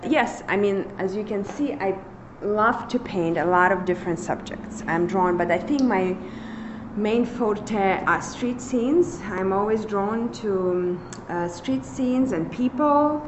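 A middle-aged woman from Lithuania with a Russian accent, talking in a casual interview in a halting way, with many fillers. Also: mid-range voice. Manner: hesitant, halting phrasing with fillers. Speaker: painter, interview guest. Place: large old building studio. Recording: dull lo-fi sound with faint noise.

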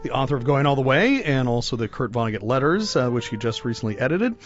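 Chatty man co-hosting radio, medium pitch. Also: sing-song, fast, dull audio, faint music behind. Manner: chatty, bantering. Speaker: radio arts show co-host. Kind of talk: casual radio chat and event listings.

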